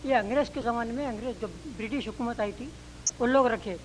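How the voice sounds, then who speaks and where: A man's voice: extremely high pitch, fast talker, slight background noise, low-quality recording. A man from Hyderabad with a Hyderabadi accent, an audience member asking a long, rambling question. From Hyderabad, India.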